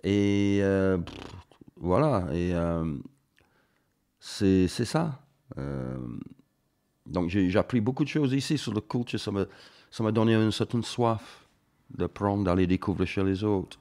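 English man, deep low voice, French with English accent, hesitant interview guest. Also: darkish tone. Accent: English, speaking French. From England. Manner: halting, many fillers and restarts. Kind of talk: radio interview.

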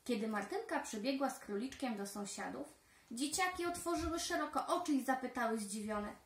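A preschool teacher, a woman, reading a children's story aloud with clear, careful storytelling. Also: sits high, lively intonation, moderate pace, a little hiss or hum. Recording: roomy echo.

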